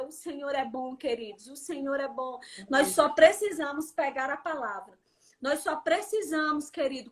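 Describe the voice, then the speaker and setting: High-voiced fervent woman preaching. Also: a bit bright. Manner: fervent, addresses listeners as "querido". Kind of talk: preaching in a prayer livestream.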